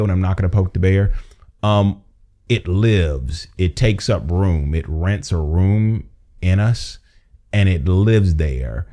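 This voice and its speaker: A man's voice: low-pitched, dark tone. A man co-hosting a casual podcast conversation, rambling and restarting his sentences as he thinks aloud. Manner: rambling, restarts and repeats himself. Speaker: podcast co-host. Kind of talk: casual chat.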